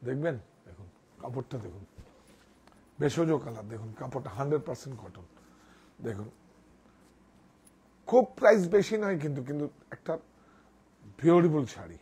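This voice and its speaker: A man presenting sarees in a live sales pitch, enthusiastic, repeating praise and directing the models. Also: sing-song, normal speed, pauses often, dark tone, breathy edge. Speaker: saree seller presenting products.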